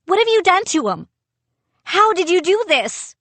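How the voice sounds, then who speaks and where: A woman voicing a frightened young kid who cries out and pleads in a high voice. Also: sing-song, measured pace, a bit bright, dry recording, exaggerated voice.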